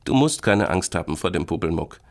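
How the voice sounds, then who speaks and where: A man voicing a cheeky, teasing older sister in a children's story, lively and raised. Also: deep voice, brisk, gravelly, exaggerated voice.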